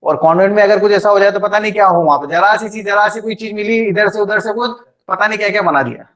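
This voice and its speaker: A man's voice: high voice, fast, a bit bright. A middle-aged man teaching an online math class, chatty and joking, teasing his students by name.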